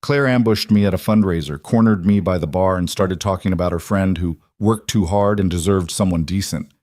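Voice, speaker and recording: Male narrator, even storytelling read, lowish voice, close dry studio mic. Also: fairly quick, no echo.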